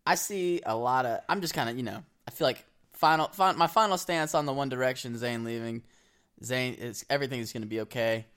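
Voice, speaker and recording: A man's voice: medium pitch, fairly quick, a bit bright, clean tone. Young guy cohosting a podcast, slangy and jokey, casual chat. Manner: joking, slangy, playful. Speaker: podcast co-host.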